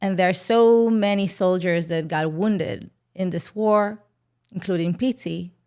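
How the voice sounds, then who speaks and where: An Israeli woman hosts an interview podcast, her voice pitched a little low. She asks gentle, probing questions and leaves room for her guest to answer. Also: unhurried, smooth. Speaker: podcast host. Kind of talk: interview conversation.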